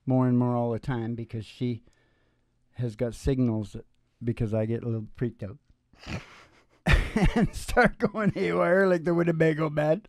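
A musician in his sixties hosts a show from a small indoor stage with a curtain, speaking into a close stand microphone over live acoustic guitar picking. His mid-range, darkish voice moves at a measured pace, the sound studio quality with no echo, as he gives rambling, folksy, laid-back banter that trails off into asides.

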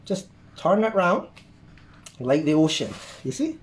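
A host teaching a drawing lesson for kids, adding playful sound effects like "beep" and "boom" and often checking in with the viewer. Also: very animated, unhurried, a little hiss or hum. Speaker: children's art class host.

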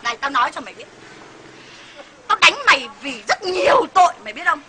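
A woman plays a coarse, bullying husband who yells and threatens without pause. The voice is very high and swings widely in pitch. It races along over loud background noise. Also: big pitch swings, over a noisy crowd. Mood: ranting. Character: bullying, shouting husband of middle age.

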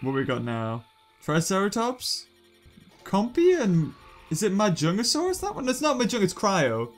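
Casual gaming commentator, young man, British accent, jokey and excitable, high lively voice over quiet music. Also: normal speed. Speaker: gaming YouTuber.

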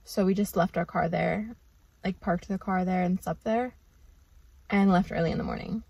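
A woman's voice: on the low side, fairly even intonation, moderate pace, creaky, darkish tone, highs cut off, a little hiss or hum. A woman, chatting casually to a camera from the seat of her parked car, rambling with lots of "like" and "um". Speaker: vlogger. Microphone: camera on dashboard.

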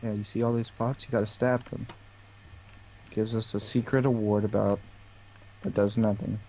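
A man's voice: on the low side, level tone, moderate pace, dark tone, a little hiss or hum, rough recording. A man bantering through casual gameplay commentary, joking and mock-boastful. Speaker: co-player.

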